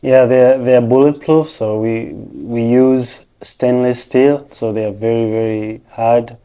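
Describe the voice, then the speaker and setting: A Rwandan man, a technician and financial professional, gives casual interview answers in a medium-pitched, steady, warm and clean voice. He takes it slowly, patiently explaining his points one by one.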